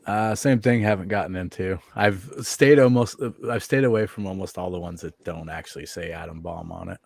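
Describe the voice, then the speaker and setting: A man's voice: low-pitched, a little fast, vocal fry, dry recording. A man chatting easily and a little hesitantly as a guest collector on a live stream. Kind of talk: casual chat.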